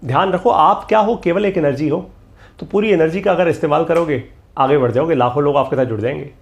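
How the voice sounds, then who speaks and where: The recording is muffled as a middle-aged man, voice a little high and pace quick, teaches a motivational course. Emphatic and repetitive, he restates key lines and mixes in English phrases.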